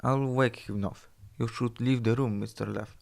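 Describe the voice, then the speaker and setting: An actor playing a wiry, gray-haired older ship's doctor with a heavy Polish accent, clinical and reassuring. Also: male voice, medium pitch, fairly even intonation, moderate pace, gravelly, lightly acted.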